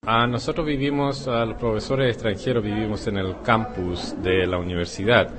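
Answering interview questions, this Spanish teacher from Chile is relaxed and rambling, pausing to hesitate. His accent is Chilean Spanish, and his fairly low voice moves at a normal speed.

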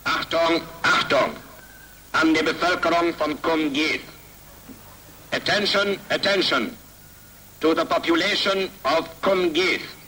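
A man playing a stern occupation announcer, heard as an air raid loudspeaker announcement from a distance, giving slow, clipped commands. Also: a little high, a little hiss or hum. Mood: commanding. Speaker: public announcer.

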